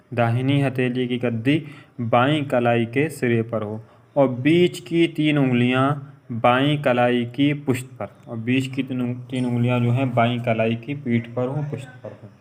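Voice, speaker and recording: A man teaching how to pray, explaining each step and repeating it, then reciting Arabic verses in a slow chant. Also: mid-range voice. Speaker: religious teacher. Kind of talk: instructional lesson on prayer.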